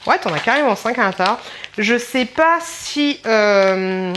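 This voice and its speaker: Young woman, beauty vlogger, informal and rambling, slightly high voice, faint background hiss. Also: expressive, measured pace, fairly bright tone. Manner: chatty, rambling, addresses viewers informally. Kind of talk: casual haul vlog chat.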